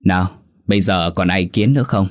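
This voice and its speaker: A man voicing an old village head who speaks slowly and in a measured way. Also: sits low, lightly acted. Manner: slow and measured. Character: old male village head, calm and dutiful.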